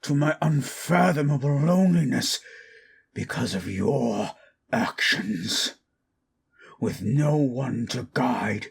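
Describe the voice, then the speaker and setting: A man playing Frankenstein's bitter, anguished monster in a dramatic audio monologue, with a raspy, gravelly voice and theatrical, archaic, deliberate delivery. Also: mid-range voice, animated, heavily acted. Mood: bitter, wounded. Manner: slow, deliberate, theatrical, archaic formal diction. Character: Frankenstein's monster, bitter, anguished, wrathful abandoned male creation.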